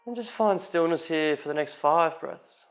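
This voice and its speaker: Guiding a yoga class, a man with a high-pitched, creaky, gravelly voice gives short instructive cues in a calm, unhurried way. Music plays faintly behind him.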